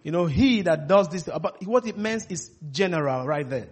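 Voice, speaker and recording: High-voiced emphatic male preacher. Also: animated, moderate pace, husky. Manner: emphatic, repeats phrases, many "you know" fillers. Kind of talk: preached sermon with interpreter.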